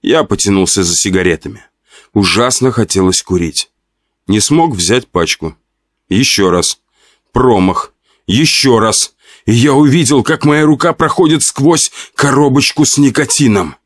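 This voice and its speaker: A man reading a first-person horror story aloud, expressive and dramatic. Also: medium pitch, normal speed, no echo, studio quality. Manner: expressive, acts out shouts and laments. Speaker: audiobook narrator.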